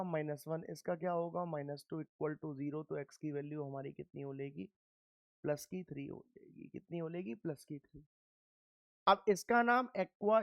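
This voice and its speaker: A man's voice: high voice, no room sound, studio quality. A man teaching a chemistry lecture, firmly drilling students by asking questions and answering them himself. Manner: firm, scolding reminders to pay attention. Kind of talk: classroom lecture.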